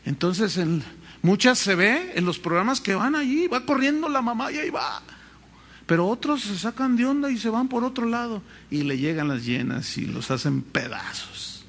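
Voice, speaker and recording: A pastor preaches with a high, bright, ringing voice. He swings his pitch widely as he tells animated stories and acts out voices. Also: moderate pace. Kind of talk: sermon.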